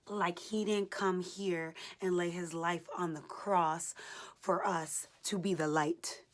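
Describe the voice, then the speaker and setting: A woman's voice: fairly low pitch, fairly even intonation, slow. A woman praying earnestly aloud during a wall sit, with the effortful, sighing delivery of someone holding an exercise. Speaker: host of a faith and fitness challenge.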